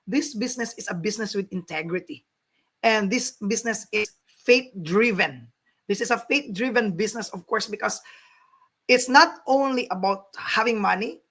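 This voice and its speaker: A woman's voice: medium pitch, a bit bright. Woman hosting a livestream chat. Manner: encouraging, repeats phrases. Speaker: host.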